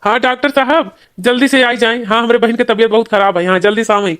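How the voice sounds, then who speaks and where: A woman's voice: a little high, steady tone, quick pace, a bit bright, lightly acted. A woman playing a caring elder brother. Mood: urgent. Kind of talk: cartoon voice acting.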